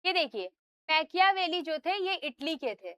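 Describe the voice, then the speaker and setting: A woman's voice: very high-pitched, very animated, moderate pace, a bit bright, no room sound, clean studio sound. A woman teacher giving a classroom lecture, explaining step by step, asking the students questions and often checking in with them. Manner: asks students questions and answers them herself.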